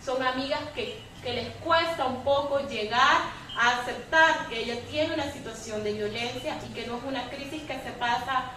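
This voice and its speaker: A panelist from a women's rights organization offers spontaneous, explanatory commentary at a public debate, often ending phrases with a tag question. Her high-sitting voice moves at a moderate pace. The room is very echoey, the mic distant, and faint noise is present.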